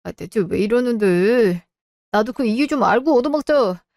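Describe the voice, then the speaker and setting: A woman's voice: fairly high pitch, expressive, normal speed, a little mellow, no echo, clean studio sound. A woman voicing a cheating husband who makes excuses and begs, in a radio drama. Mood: defensive. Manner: wheedling, excuses. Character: cheating husband, evasive and pleading.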